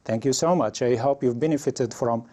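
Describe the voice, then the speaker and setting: A man leads an English lesson in a calm, mellow voice at a middle pitch. He explains each situation patiently. When he reads example phrases, his pitch rises. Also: moderate pace. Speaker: English teacher.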